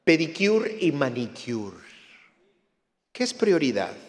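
A man giving a lively church talk, a jokey storyteller who acts out other people's lines. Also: a little high, slow. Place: church hall. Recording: reverberant hall.

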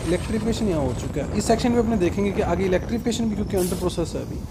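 A man giving live, brisk commentary on a train journey, full of times and train details, filmed on a phone aboard the train and on a railway platform outdoors. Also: sits high. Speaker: train travel vlogger. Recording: loud train and outdoor noise.

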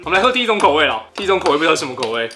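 A man's voice: a little high, very animated, rapid-fire. A young man, hosting a casual reaction show in a giggly, joking way. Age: young adult. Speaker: host of a try-not-to-laugh challenge. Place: small indoor set with sofa. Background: music.

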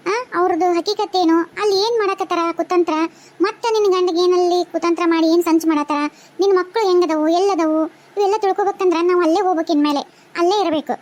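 A woman voicing an older ghost mother in a cartoon, calmly advising in a North Karnataka Kannada accent. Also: very high-pitched, quick pace. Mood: soothing. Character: kindly older female ghost mother, soothing.

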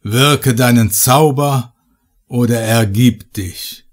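A man's voice: mid-range voice, takes it slowly, lightly acted. A man voicing a thundering ancient stone idol. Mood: booming, scornful. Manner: thundering, cold and scornful. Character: booming mocking ancient living stone idol.

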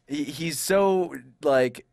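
Animated man, slightly high voice. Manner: animated, quick to laugh. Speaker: podcast co-host. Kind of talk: casual group chat.

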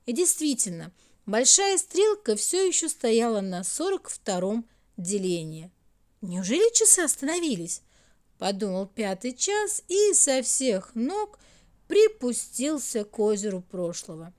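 A woman narrating a children's fairy tale in an expressive storytelling manner. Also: a little high, unhurried. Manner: sing-song, expressive.

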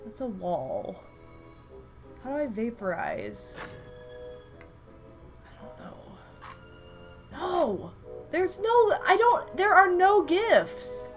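In a high voice with drawn-out words and long pauses, a young woman chats casually with viewers while streaming a game indoors at home. She's stuffy-nosed after a recent flu but animated, exclaiming at the game. Faint music sits behind her.

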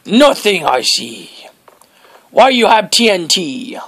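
A man voicing a jolly pirate with a gravelly pirate voice and accent, chatting in character over a video game. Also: sits high, very animated, slow, fairly bright tone, heavily acted. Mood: playful. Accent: put-on pirate. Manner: pirate voice with archaic "ye" and "be" speech. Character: gruff jolly male pirate chatting to his matey. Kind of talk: playful in-character gameplay commentary.

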